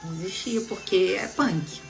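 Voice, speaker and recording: A young adult woman, casually telling viewers a personal story in an animated, expressive way. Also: mid-range voice, slow pace, vocal fry, soft background music. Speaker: vlogger sharing a personal story.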